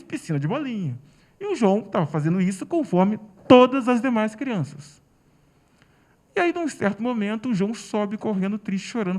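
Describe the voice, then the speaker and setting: A man's voice: high-pitched, darkish tone. A Brazilian man speaking on a seminar panel as a public defender, telling a personal story with emotion and acting out the dialogue.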